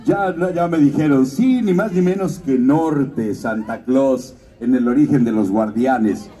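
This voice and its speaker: A voice actor talks to an expo crowd and tells stories, slipping into character voices as he goes. His tone is mellow and a little dark, and he sounds somewhat distant from the microphone. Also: mid-range voice, measured pace, faint music behind. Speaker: voice actor and announcer. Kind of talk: stage talk at a fan expo.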